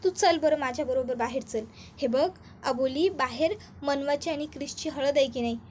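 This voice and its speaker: Here is a woman playing a patient police officer calming his upset wife in a retold serial. The voice stays high and close to the narrator's own. He speaks in steady, reassuring phrases. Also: normal speed, a little hiss or hum, natural voice. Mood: soothing. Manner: soothing, reassuring. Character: calm male police officer, soothing husband. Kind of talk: retelling TV serial dialogue.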